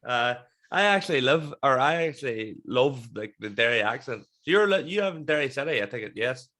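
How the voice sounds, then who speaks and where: A young man with a Northern Irish accent and a mid-pitched voice hosts a casual interview. He talks informally, swearing freely, close to a desk mic. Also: expressive, a little fast, sharp tone. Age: young adult. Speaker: podcast host. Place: small room at home, on a video call. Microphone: close desk microphone with headset.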